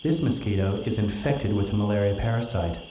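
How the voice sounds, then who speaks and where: A man reads documentary narration in a slow, measured, slightly ominous way. His voice sits low and sounds dark and mellow. It is heard through speakers in a roomy hall with faint ambient noise. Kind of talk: scripted narration.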